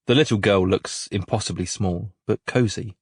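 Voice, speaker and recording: A man calmly narrating a literary novel in a measured, gentle storytelling manner, close to the microphone. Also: on the low side, slightly rough, no room sound. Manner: calm, measured, gentle storytelling with soft drops in volume. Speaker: audiobook narrator.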